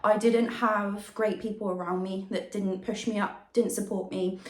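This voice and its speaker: A woman's voice: mid-range voice, fairly even intonation, unhurried. A young woman chatting casually to camera as a vlogger, her voice affected by a sore throat from tonsillitis. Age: young adult. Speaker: YouTube vlogger and fitness coach. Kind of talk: casual talk to camera, introduction and Q&A. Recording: roomy indoor echo.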